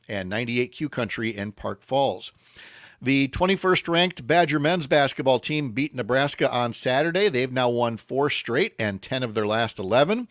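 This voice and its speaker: Animated man hosting a radio show. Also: medium pitch, dry recording, studio quality. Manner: animated, jokey banter with quick excited exclamations. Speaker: radio talk show host. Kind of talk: casual radio chat and sports roundup. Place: home by a lake window.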